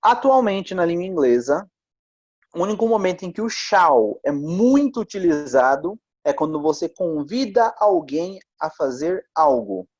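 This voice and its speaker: A man's voice: high voice, big pitch swings, a little slow, a little mellow, dry recording. A man teaching an English lesson, explaining grammar in a chatty way and often checking in with his students. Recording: dull lo-fi recording.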